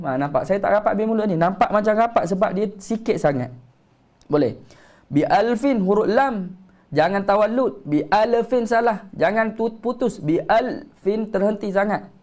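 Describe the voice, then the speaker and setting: Patiently correcting and slowly showing how to recite, a man with a Malaysian Malay accent teaches tajwid in a live stream. He has a high-sitting, slightly mellow voice.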